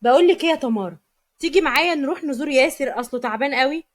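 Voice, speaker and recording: A woman's voice: high-pitched, very fast, lightly acted. A woman with an Egyptian accent voicing a scheming, coaxing mother-in-law in a spoken story. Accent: Egyptian Arabic.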